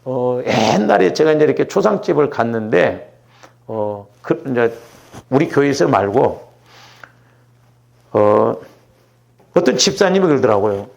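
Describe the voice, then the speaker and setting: Gravelly, lively Korean pastor preaching. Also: male voice, mid-range voice, a little slow, long pauses. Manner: conversational, keeps asking the congregation "응?". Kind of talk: sermon at a Wednesday prayer service. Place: church sanctuary.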